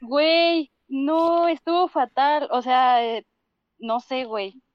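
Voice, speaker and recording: High-voiced Mexican woman ranting. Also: fairly even intonation, takes it slowly, dry recording, highs cut off. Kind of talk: casual chat among friends.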